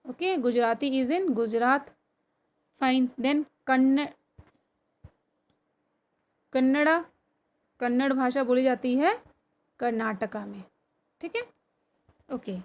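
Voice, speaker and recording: A woman teacher with a high voice records a lesson for her pupils. She reads each textbook line slowly and deliberately, then breaks it down in Hindi. She often asks the students questions and checks in with them as she goes. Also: highs cut off. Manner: often checks in with "theek hai". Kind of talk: recorded online lesson explaining a textbook chapter. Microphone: computer or phone screen recording.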